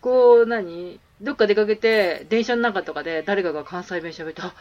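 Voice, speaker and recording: A woman's voice: medium pitch, moderate pace, muffled recording. A woman co-hosting a podcast, casually telling stories and acting out the lines of the people in them. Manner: animated anecdote-teller, acts out quoted dialogue. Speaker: podcast co-host. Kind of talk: casual storytelling chat.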